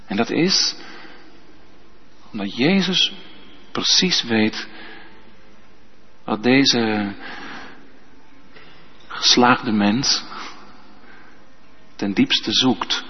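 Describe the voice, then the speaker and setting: A man preaching a sermon as pastor, slow and emphatic, often ending points with a tag question. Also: medium pitch, slightly rough. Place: church. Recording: dull sound with long church reverb.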